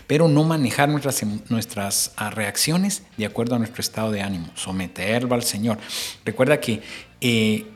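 Middle-aged male host, mid-pitched, talks faith to the listener over soft music, acts out quotes. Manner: preachy, addresses listener directly, acts out little quotes.

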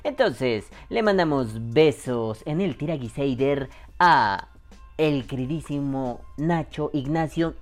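A man's voice: medium pitch, takes it slowly, soft background music. A man with a Mexican Spanish accent hosting a casual podcast from home, joking and swearing as he reads listener comments. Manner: joking, profane, animated. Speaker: podcast host. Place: home room.

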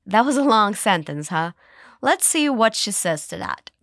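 Woman host, English teacher, animated pitch, dry close mic, spells out phrases slowly. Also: no echo. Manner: cheerful, slow model phrases to repeat. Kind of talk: scripted language lesson.

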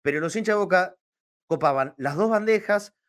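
A man with an Argentine accent and a fairly high voice talks football as a show pundit. He reminisces in an animated way and leans hard on repeated words for emphasis. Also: moderate pace. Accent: Argentine Spanish.

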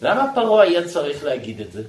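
A man teaching a Torah lesson as a rabbi, animated and asking his listeners questions. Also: on the high side, roomy sound, poor audio.

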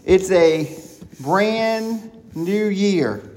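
A man preaching a sermon, excited and quick, with frequent restarts and repeated words. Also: sits high. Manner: excited, talking fast with many restarts.

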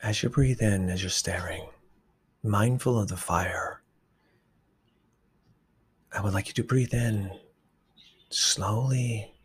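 A man leading a guided meditation, giving slow, soft instructions that often drop to a whisper. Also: lowish voice, husky.

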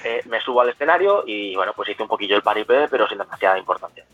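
A man's voice: on the low side, expressive, very fast, fairly bright tone, dry recording, highs cut off, faint music behind. A young man, telling stories as a guest in a casual chat, with frequent restarts and self-corrections. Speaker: guest cosplayer. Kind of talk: casual storytelling.

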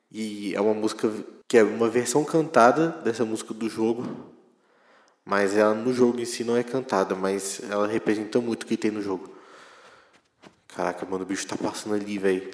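A young man is heard over a phone set on speakerphone. He talks in slangy, breathless bursts, low and monotone, as if hiding. The call sounds roomy with a long reverb trailing each phrase. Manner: slangy, breathless, playing at being chased and hiding. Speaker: podcast regular calling in. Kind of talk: casual chat.

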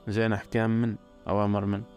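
A man's voice: on the low side, monotone, fast talker, a little mellow, faint music behind. A man giving an earnest religious talk, stressing points by repeating words. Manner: earnest, repetitive emphasis.

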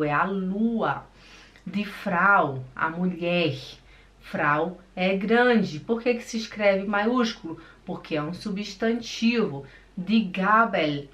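Slow, patient Brazilian woman teaching German. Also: mid-range voice, a bit bright. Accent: Brazilian Portuguese. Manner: slow, patient, repeats words to drill pronunciation. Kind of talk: casual online language lesson. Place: Switzerland.

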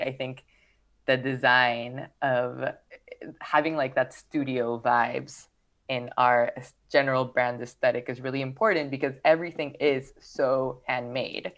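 A young woman from Peru talks about her fashion label in a relaxed, easygoing interview. Her voice sits very low for a woman, and she fills her sentences with "like" and "um" as she thinks aloud. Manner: relaxed, filler-heavy, lots of "like" and "um". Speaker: fashion brand founder. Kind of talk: casual interview chat.

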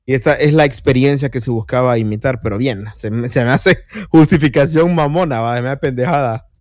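A man's voice: medium pitch, brisk, no echo, studio quality. A man co-hosting a podcast, casually discussing a film and laying out his arguments at length. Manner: explanatory, argues his points at length. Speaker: podcast co-host.

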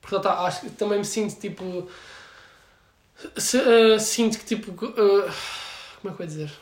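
A man's voice: high-pitched, moderate pace, roomy sound. A young man with a European Portuguese accent chatting casually in a rambling, slangy way full of filler words. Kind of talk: casual chat.

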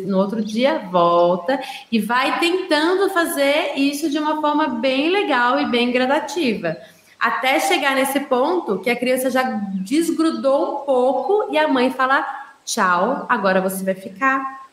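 A woman with a Brazilian Portuguese accent giving casual, chatty advice to parents, often checking in with her listeners. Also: sits high. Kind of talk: casual explanatory advice talk. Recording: roomy echo.

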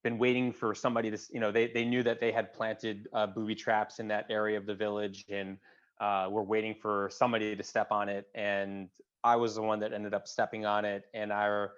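A man in his thirties, a veteran guest in an interview, telling his story in a halting way with many fillers and restarts, his voice dropping low at emotional points. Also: level tone. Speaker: guest, combat-wounded veteran. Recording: dull, lo-fi sound.

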